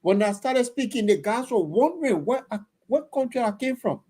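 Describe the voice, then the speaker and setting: A man's voice: very high voice, animated, moderate pace, dark tone, husky. A middle-aged Liberian man hosting a casual discussion, telling blunt anecdotes in a Liberian English accent.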